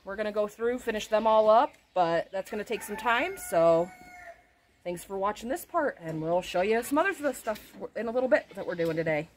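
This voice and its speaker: A woman's voice: medium pitch, lively intonation, fairly quick, slight background noise. A woman in her thirties casually narrating farm chores, explaining each step in a chatty, practical way, filmed on a handheld phone around a barn. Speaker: homestead vlogger. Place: barn and farmyard outdoors. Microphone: handheld phone camera.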